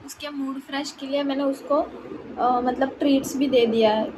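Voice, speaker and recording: A woman's voice: sits high, steady tone, moderate pace, noisy background. A woman vlogger chatting casually at home, cooing baby talk to her pet dog in between. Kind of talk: casual vlog chat.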